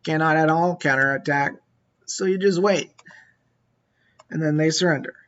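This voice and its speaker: A man's voice: fairly high pitch, normal speed, fairly bright tone, lo-fi sound. A man giving casual, musing commentary on a strategy game and talking to his units as he plays. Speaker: gameplay commentator.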